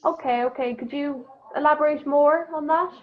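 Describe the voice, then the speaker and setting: High-voiced woman on a dull video call. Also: normal speed. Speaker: presenter. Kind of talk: casual interview chat.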